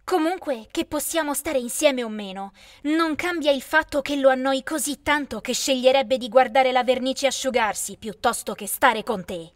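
A woman's voice: sits high, normal speed, few pauses, dry recording, clean studio sound, close to an everyday voice. Woman voicing a sneering teenage girl bully. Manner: scornful and loud.

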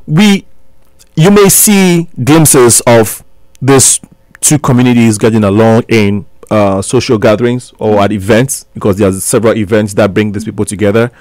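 A man in his thirties from Ghana, a guest on a college radio interview, speaks earnestly and persuasively, often restarting his sentences, in a small college radio studio alongside a talk show host. His voice is lowish and darkish in tone at a moderate pace, with no room sound.

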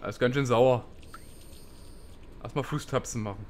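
A man playing a video game, chatting casually and quietly reading the subtitles aloud. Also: normal speed, background noise. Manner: reads game subtitles aloud in a soft, low-key voice. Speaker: let's play gamer. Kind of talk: casual gameplay commentary. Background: game music.

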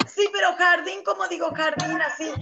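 High-voiced Argentine woman teaching online. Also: moderate pace, creaky. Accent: Argentine Spanish. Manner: lively, coaxing, switches between Spanish and English. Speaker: English teacher. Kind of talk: online class, drilling vocabulary. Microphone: computer mic on a video call. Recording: noisy video call audio.

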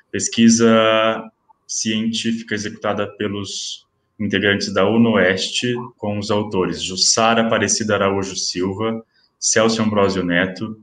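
A man presenting at an online academic event, reading out award certificates in a formal, steady listing manner. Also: lowish voice, echoey room. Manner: steady listing of titles and names.

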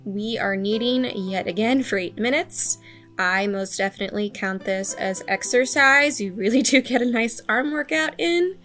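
Faint music sits behind a woman whose voice is on the high side, a bit bright, and at normal speed. In her thirties and running a homesteading channel, she talks viewers through her bread recipes step by step, friendly and instructional, in her home kitchen.

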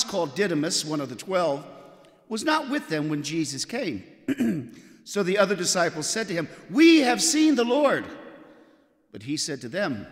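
Male priest, high animated voice, measured liturgical delivery, cathedral echo of a large church. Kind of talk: solemn scripture reading and homily. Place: large church interior, at a lectern.

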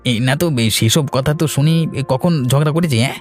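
A man's voice: mid-range voice, moderate pace, faint music behind, natural voice. A man voicing a hesitant nephew. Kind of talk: cartoon voice acting.

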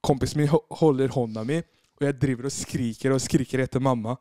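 A man's voice: medium pitch, no room sound, studio quality. A man on a podcast telling a story in casual chat, acting out the moments he describes. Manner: animated storyteller, acts out screams and quotes. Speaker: podcast guest.

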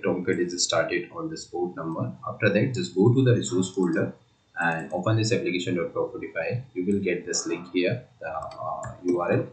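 A man with a very low voice explains a software project step by step, pausing often on fillers and restarting sentences. The sound has a noticeable room echo, like a home desk setup. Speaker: software tutorial presenter. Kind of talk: screen-recorded coding walkthrough.

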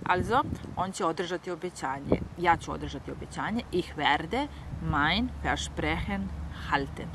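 A woman whose first language is Serbian, teaching a bilingual German lesson, repeating each phrase slowly and then translating it. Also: fairly low pitch, noisy background.

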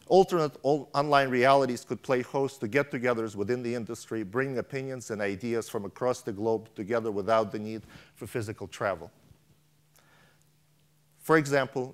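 A middle-aged man delivers a keynote on a large conference stage, reading a prepared speech from a tablet with frequent restarts and stumbles. His voice is medium-pitched and picked up on a lapel mic.

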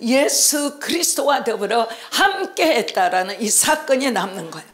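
A woman interpreting a sermon live, phrase by phrase, often opening with a quick acknowledgment. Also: fairly high pitch, very animated. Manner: fluent, with frequent "ne" acknowledgments and restarts. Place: conference hall.

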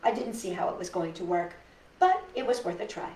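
A middle-aged woman with a lowish voice reads a children's story aloud in a lively, swooping, animated way, pausing dramatically and adding chatty asides to young listeners. She's a storytime host reading picture books in a living room, and the sound is roomy and slightly distant with some background noise.

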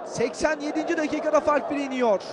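A man giving excitable, declamatory live commentary on a football match. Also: very high-pitched, fairly quick. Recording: loud stadium crowd noise behind. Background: cheering football stadium crowd.

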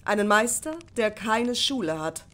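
A woman's voice: medium pitch, animated, unhurried, fairly bright tone. A woman voicing a determined young male miller's apprentice in an audiobook, speaking earnestly and urgently. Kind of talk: audiobook character voice.

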